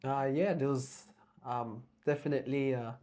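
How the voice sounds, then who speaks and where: A young man from Australia speaks as a guest in a relaxed conversation. His pitch sits in a middle range. He talks softly and hesitantly, filling pauses with ums. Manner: soft-spoken and hesitant, with many ums. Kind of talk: casual chat.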